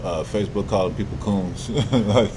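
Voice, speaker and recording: A very low-voiced man co-hosting a podcast, blunt, profane and jokey. Steady background noise runs clearly under his voice. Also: moderate pace. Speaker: podcast co-host. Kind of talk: casual podcast chat.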